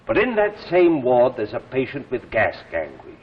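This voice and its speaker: An actor playing an earnest, persuasive drug inventor in a 1950s TV drama, urgent and formal. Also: male voice, medium pitch, huge pitch swings, normal speed, slightly rough. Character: earnest, persuasive male stranger pushing his miracle drug. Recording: muffled, noisy old TV soundtrack, reverberant.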